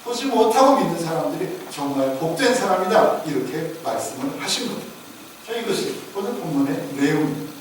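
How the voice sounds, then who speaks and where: Male pastor, sermon delivery, lively questions to the pews; distant mic in a reverberant sanctuary, faint hiss. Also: fairly high pitch, fairly quick. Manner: asks the congregation questions and acts out disciples' voices. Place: church sanctuary. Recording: echoey church recording from far off, faint noise.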